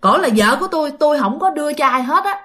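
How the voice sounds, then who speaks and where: A woman's voice: high-pitched, animated, fast, fairly bright tone, voice pushed up. A woman with a Southern Vietnamese accent voicing a handsome young ghost man who speaks earnestly in a ghost story. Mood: defiant.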